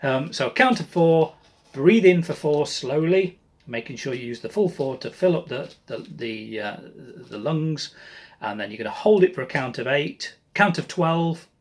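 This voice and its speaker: A man leading a choir breathing warm-up, counting slowly and calmly with friendly asides to his singers. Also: mid-range voice. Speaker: choir leader. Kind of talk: breathing exercise lesson.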